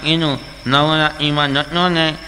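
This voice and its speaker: A man's voice: fairly high pitch, little pitch movement, moderate pace, bright, forceful tone. A man, a swami, telling funny stories in a religious discourse, chatty and asking the audience questions. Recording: echoey hall, faint background hum.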